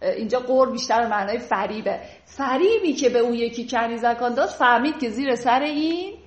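Female literature teacher with a fairly high voice, slow verse then brisk plain explanation, roomy echo. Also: lively intonation. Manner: slow measured verse recitation, then quick colloquial explanation. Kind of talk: reading and explaining classical poetry.

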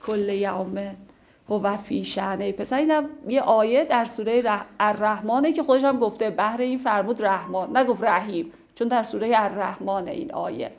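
Working through classical poems line by line, a woman teaching literature recites verses slowly while adding patient commentary with touches of humor. She speaks at a medium pitch.

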